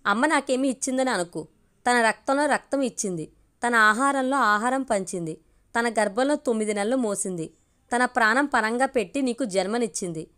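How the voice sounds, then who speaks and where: Lady doing a firm wife and mom in a story, reproachful, arguing back, voice a bit high. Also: fairly bright tone, close to an everyday voice. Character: firm, dignified middle-aged wife and mother.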